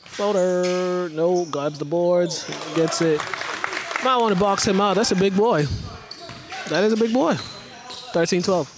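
Recorded on a camera mic from the stands of an indoor school gym, an amateur commentator calls a basketball game live in a high voice at a measured pace, pausing often. He's playful and offhand, inventing sound words as he goes, amid crowd noise, gym clamor and bouncing balls.

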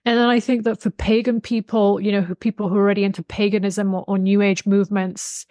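Her medium-pitched voice is mellow and level, and she talks at a quick pace. She's a woman in her thirties, an author and folk spirituality expert, explaining emphatically and conversationally as an interview guest via video call. She sits in a small bookshelf-lined room close to a desktop USB condenser mic, with no echo.

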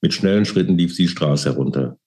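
A male author reads from his own novel in a deep, mellow voice. His delivery is calm and measured, with steady narration. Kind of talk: book reading.

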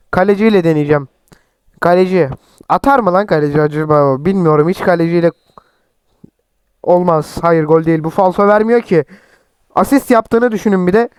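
Hoarse young man, high voice. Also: no room sound. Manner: chatty, teasing, shouts at players. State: sore throat, voice cracking. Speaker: mobile football gameplay streamer. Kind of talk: excited gameplay commentary.

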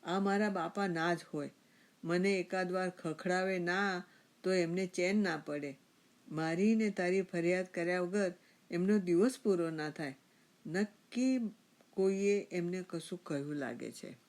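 A woman voicing an anxious grown son in a storybook tale, calling out loudly and sounding exasperated. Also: on the low side, unhurried, close to an everyday voice. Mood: agitated. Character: grown son, agitated and fretful.

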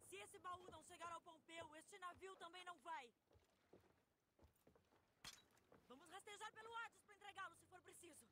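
A woman's voice: very high voice, fast talker. A woman playing a fierce, determined warrior at sea in a video game, speaking with firm, defiant command. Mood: fierce, resolute. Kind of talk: video game voice acting, Portuguese dub. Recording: clear ship and sea noise behind. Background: ship and sea ambience.

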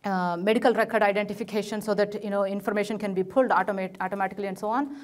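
This conference speaker, a middle-aged woman with an Indian English accent, talks rapid-fire at medium pitch with fairly even intonation. Presenting technical material in a lecture room, she points to the projected slides and often restarts or uses fillers.

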